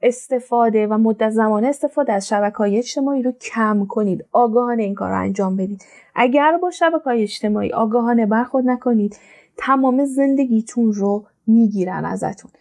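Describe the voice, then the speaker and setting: A woman with a fairly high voice talks straight to her podcast listeners as a life coach. She presses them with direct commands and repeats each point in short bursts. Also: darkish tone. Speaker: personal development coach. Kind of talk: motivational podcast talk.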